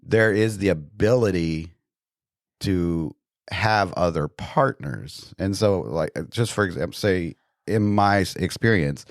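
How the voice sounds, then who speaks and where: A middle-aged man with a very deep voice talks in a relaxed, casual way. He thinks aloud as he shares his own story. The room sounds dry and close. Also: no echo. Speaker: podcast host. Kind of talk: casual discussion.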